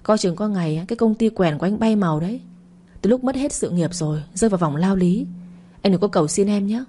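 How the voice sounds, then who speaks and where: A woman's voice: mid-range voice, fast talker, close to an everyday voice. A woman voicing a smug scheming wife. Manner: calm, smug, dismissive. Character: cold, scheming young wife, smug villain.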